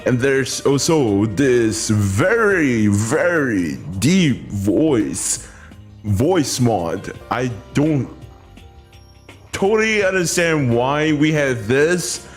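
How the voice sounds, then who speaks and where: A streamer talking in casual live-stream chat through a deep pitch-shifted voice changer, bemused and halting, breaking into giggles. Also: big pitch swings, faint music behind.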